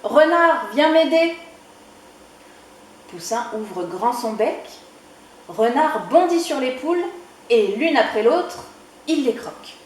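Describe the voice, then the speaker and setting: Slow soft lady reading a kids' book, big echo, faint hum behind. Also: on the high side, animated. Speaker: librarian reading to children. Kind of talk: children's storybook reading. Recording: echoey room.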